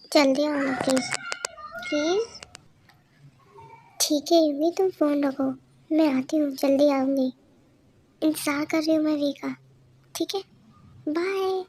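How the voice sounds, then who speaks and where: Woman narrator for a homemade audio story; high, unhurried, hops between characters, light background hiss. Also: a little mellow. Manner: switches quickly between character voices, lots of hums. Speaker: fan story narrator voicing all characters. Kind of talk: amateur audio drama reading.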